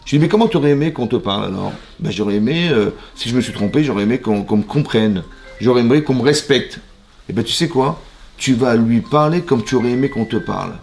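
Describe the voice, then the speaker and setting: A man with a French accent, a rabbi teaching a Torah lesson in a synagogue, lively, asking the audience questions and acting out little dialogues. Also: medium pitch, fairly quick, vocal fry, faint music behind.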